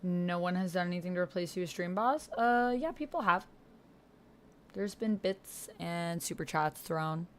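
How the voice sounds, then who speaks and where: Unhurried and on the low side, a woman's voice carries a livestream where she plays a text-based roleplaying game. She reads its narration aloud and chats loosely, with slangy, excited reactions. Some slight background noise can be heard.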